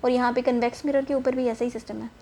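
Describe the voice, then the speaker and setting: Woman teacher, fairly high and mellow, reads text slowly, then explains casually and checks in often, faint hiss. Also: level tone. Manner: mixes English textbook reading with chatty explanation, often asking "ठीक है?"; reads English passages slowly. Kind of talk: casual lesson.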